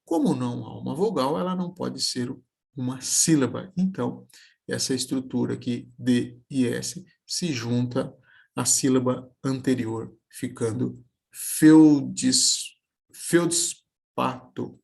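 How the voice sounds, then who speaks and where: A man teaching a video lesson, slowly sounding out example words syllable by syllable. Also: mid-range voice, steady tone, vocal fry, darkish tone, husky. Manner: slow, careful, spelling words out syllable by syllable.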